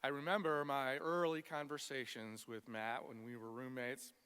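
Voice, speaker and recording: A man delivering a prepared funeral eulogy for a friend, tender and measured, in short phrases with weighted pauses. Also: medium pitch, little pitch movement, a bit bright, smooth. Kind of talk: prepared memorial speech. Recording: long echoing reverb of a hall.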